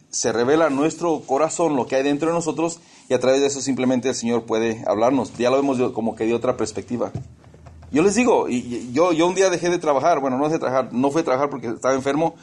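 A man's voice: medium pitch, darkish tone. A man preaching a sermon, telling personal stories, calling listeners brothers and slipping English words into his talk.

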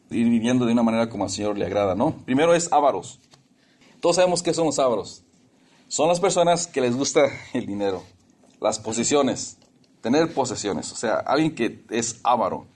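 A man's voice: medium pitch, darkish tone. A man preaching a sermon in a conversational, lightly humorous way, repeating his points.

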